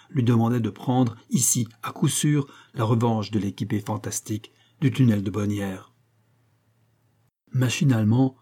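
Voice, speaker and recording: Husky-voiced male audiobook narrator. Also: on the low side, warm tone. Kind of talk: scripted narration.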